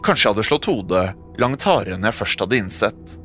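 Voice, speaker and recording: A man's voice: lowish voice, lively intonation. A man reading a first-person horror story aloud, telling it expressively. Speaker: narrator. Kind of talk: scripted horror narration. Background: soft music.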